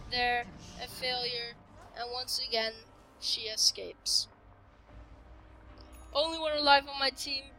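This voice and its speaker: High bright-voiced woman commenting a game. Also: poor audio. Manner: chatty play-by-play of own match. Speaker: gameplay commentator.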